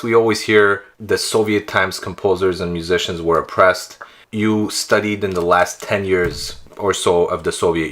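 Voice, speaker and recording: Young guy from armenia hosting a podcast, low-ish voice, lots of yeahs. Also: fairly bright tone. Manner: attentive, gives frequent short acknowledgements. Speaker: podcast host. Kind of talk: casual interview talk.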